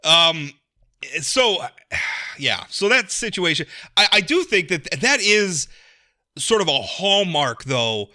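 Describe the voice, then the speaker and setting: A man talking politics in a casual podcast discussion, emphatic and animated, with frequent restarts. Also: on the high side, takes it slowly. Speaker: political commentator.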